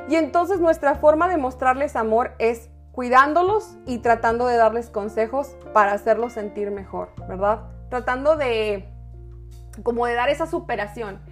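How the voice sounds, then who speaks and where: A woman giving relationship advice in a playful, chatty manner, often laughing and restarting her sentences. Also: fairly high pitch. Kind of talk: casual advice talk.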